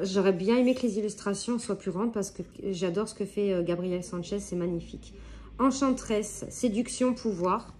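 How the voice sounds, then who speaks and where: Une femme qui présente un jeu d'oracle en bavardant et énumère les mots-clés des cartes avec de petites hésitations. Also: female voice, medium pitch, a little mellow, slight background noise. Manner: chatty, lists keywords with quick hesitations. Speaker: oracle deck reviewer. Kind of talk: casual unboxing and card reading.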